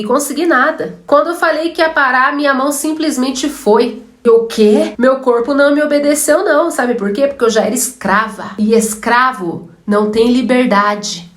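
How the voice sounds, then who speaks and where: Young Brazilian woman minister, emphatic testimony, slightly high voice, roomy echo. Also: a bit bright. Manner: emotional, emphatic, acts out quoted dialogue. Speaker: evangelical minister. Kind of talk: personal religious testimony.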